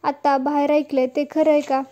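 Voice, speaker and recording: A woman's voice: sits high, flat delivery, a little fast, warm tone, lo-fi sound, close to an everyday voice. A woman reading a boastful son-in-law. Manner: boastful, pushy.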